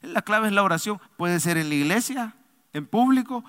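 A male pastor with a high, bright voice delivers a sermon to his congregation, dropping low and soft, then surging loud. His voice rings clear, with a long reverb from the church hall around him. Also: animated, normal speed. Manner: preaching to a congregation, rising and falling from soft to loud.

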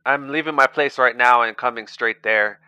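A man voicing an eager, blunt young male anthropologist in an audio story, talking in a quick, businesslike way. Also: medium pitch, pushed and bright, clean tone, no echo. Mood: brisk.

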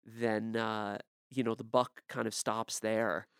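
A man with a gravelly yet smooth, resonant voice talks in a reflective, measured way in a casual conversation. He thinks aloud as he speaks. The sound is dry and close to the mic. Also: lowish voice, little pitch movement, a bit bright, dry recording.

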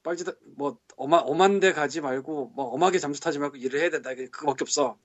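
A fast-talking man with a higher voice co-hosts a casual podcast and works as a game translator. He vents in an exasperated, grumbling manner, muttering curses under his breath, and the audio is lo-fi.

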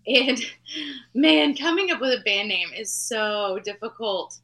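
A young woman from Texas, a band's singer-songwriter, telling her story in a chatty, relaxed way. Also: on the high side, slow. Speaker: band singer-songwriter, guest. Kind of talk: casual interview chat.

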